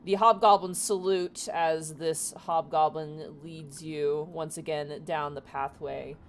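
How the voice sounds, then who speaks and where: Low-voiced woman running a tabletop game. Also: steady tone, slow. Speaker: game master. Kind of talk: improvised tabletop game narration. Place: online voice call for a virtual tabletop. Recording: faint noise on home microphone.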